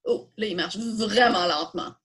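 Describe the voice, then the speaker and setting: This instructor speaks at a normal pace and medium pitch, her tone a bit bright and slightly rough, with a Quebec French accent. Guiding an informal coding tutorial, she explains each step by thinking aloud and answering her own questions.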